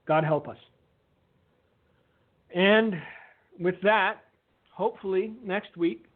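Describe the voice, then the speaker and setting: Man, radio preacher, earnest, measured, higher voice, tinny phone line. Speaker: radio minister. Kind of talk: closing a radio sermon.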